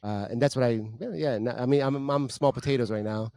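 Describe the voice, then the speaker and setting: A man from Peru, raised in New Jersey, speaking as a podcast guest in a casual faith chat, reflective and measured as he thinks aloud. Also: medium pitch, warm tone, dry recording.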